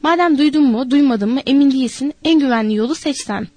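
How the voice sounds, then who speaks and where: A nervous old ranch hand, as a woman does him, placating and eager to please, a touch gossipy. The reading is bright, close and dry. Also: high voice, fast, no echo, lightly acted. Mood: pleading.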